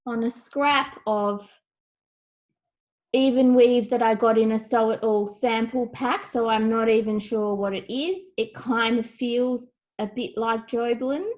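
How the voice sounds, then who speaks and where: Her voice is fairly high and darkish, with a steady tone and a slightly slow delivery. She's a middle-aged co-host of a craft video blog, chatting casually as she shows items over a video call from home.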